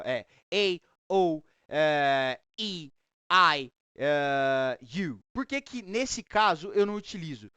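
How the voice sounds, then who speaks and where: A man's voice: sits high, a bit bright, clean tone, no room sound. A man teaching English online, with a Brazilian Portuguese accent, giving encouraging feedback and explaining pronunciation rules in Portuguese and English.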